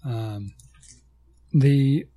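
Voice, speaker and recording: A man co-hosting a casual podcast chat, low-key and hesitant, with many ums. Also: extremely slow, warm tone, dry recording. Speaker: podcast co-host.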